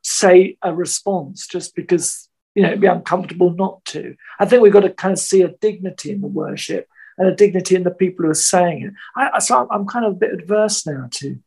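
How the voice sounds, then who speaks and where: A man with a notably high, husky voice, chatting reflectively. He tells stories at an easy pace and mulls over his points aloud. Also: a little fast, a little mellow. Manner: reflective, anecdotal. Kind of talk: casual chat.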